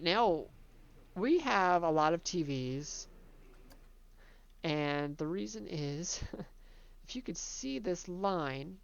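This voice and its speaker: A woman casually narrating a tour of her own theme park, chatty and relaxed, laughing between remarks. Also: sits low, creaky, dry recording, muffled recording.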